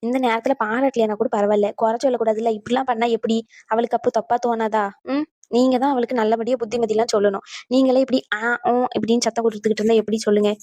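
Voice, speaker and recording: A woman's voice: fairly high pitch, steady tone, quick pace, warm tone, no room sound, natural voice. A woman voicing a scheming, complaining older mother in a cartoon, grumbling and wheedling. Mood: scolding. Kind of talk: cartoon voice acting.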